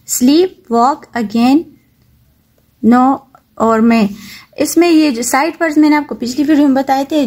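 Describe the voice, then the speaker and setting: A woman from Pakistan teaching a children's textbook lesson, reading English lines slowly and explaining each one in plain words. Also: on the high side, a little mellow. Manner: slow and patient, reads English lines slowly, then explains in Hindi-Urdu.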